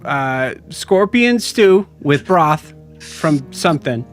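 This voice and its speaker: A game master voicing a young, defensive desert local in a tabletop game, whiny and quick to take offense. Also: mid-range voice, expressive, soft background music. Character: defensive twenty-year-old desert local. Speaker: non-player character in a tabletop game.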